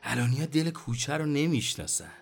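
An actor playing a chatty, complaining, nostalgic middle-aged taxi driver with a Tehrani accent and colloquial street slang. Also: male voice, mid-range voice, sing-song, vocal fry, breathy edge, faint music behind, exaggerated voice. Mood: wistful, animated.

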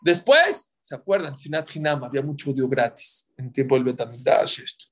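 A man's voice: animated, brisk, fairly bright tone. A man who gives marriage advice to an audience, speaking emphatically and counting off his points. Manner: emphatic, counts off points, acts out quotes in sudden high outbursts. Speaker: religious advisor on marriage.

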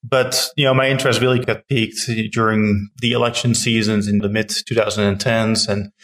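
A man's voice: on the low side, little pitch movement, brisk, a bit bright. A middle-aged man from the Netherlands, a town council member answering interview questions earnestly with frequent fillers and restarts.

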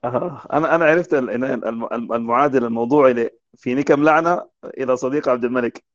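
A man hosting a casual online poetry chat, teasing his friends in quick banter. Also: medium pitch, no room sound. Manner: joking, teasing, fast banter. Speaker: host. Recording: dull lo-fi online call audio.

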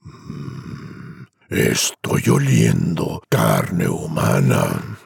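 A man voicing a huge, menacing giant in a storybook, slow and rumbling. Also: huge pitch swings, gravelly, slightly rough, no echo, clean studio sound, full character voice.

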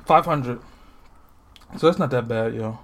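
A man's voice: mid-range voice, unhurried. A man co-hosting a podcast in casual chat, telling stories animatedly, acting out his own reactions and swearing freely. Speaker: podcast co-host.

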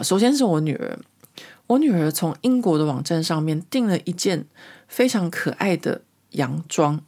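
A woman's voice: deep voice, darkish tone. A woman, hosting a podcast and telling a rambling, chatty story full of fillers. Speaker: podcast host. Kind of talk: casual chat monologue.

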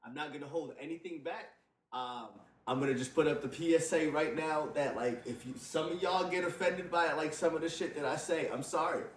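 A man's voice: on the high side, fairly quick. A man in his twenties hosting a casual, profane podcast chat, rambling with constant "like" fillers. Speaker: podcast host. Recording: echoey room, distant mic.

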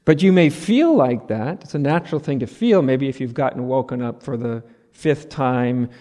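A man's voice: mid-range voice, expressive, moderate pace, dark tone. A man giving a spiritual talk. He is conversational, with frequent "right?" asides and light laughter. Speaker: spiritual teacher. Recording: long hall reverb.

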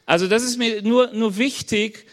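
Man with a notably high voice for the preacher role; casual sermon delivery that gropes for words. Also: moderate pace. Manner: informal, searching for words, chuckles now and then. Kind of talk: conversational sermon.

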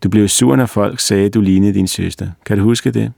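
A man voicing a grave, self-assured little girl in a spoken story, calm and earnest, in a low gravelly voice with a dry, close sound. the girl is told in the reader's own deep tone rather than a child's voice. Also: no room sound. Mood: eager. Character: earnest little girl recalling a past life.

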